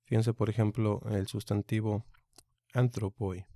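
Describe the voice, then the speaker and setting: Slow, deliberate male Greek teacher. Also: mid-range voice, steady tone, darkish tone, dry recording, clean studio sound. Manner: slow, deliberate, repeats each sound aloud. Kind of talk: recorded online lesson.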